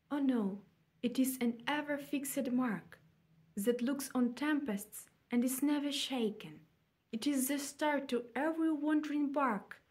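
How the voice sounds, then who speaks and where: A young woman reciting a sonnet aloud in a measured way with pauses, recorded in a room at home. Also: fairly high pitch, a little mellow. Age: young adult. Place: small indoor room at home.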